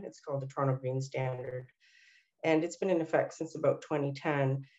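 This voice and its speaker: A woman's voice: sits low, a little mellow, highs cut off. A woman with a nasal voice, a senior city policy planner presenting a workshop over a video call, with frequent ums and uhs as she asks for the next slides. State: recovering from illness, nasal. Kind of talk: webinar presentation.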